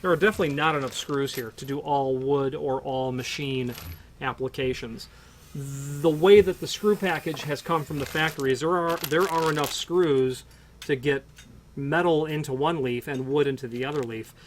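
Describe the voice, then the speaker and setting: A man with a somewhat raised pitch talks through door hardware unscripted. His explanations wander, restart mid-sentence and lean on fillers as he thinks aloud. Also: moderate pace, slight background noise. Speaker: hardware product presenter.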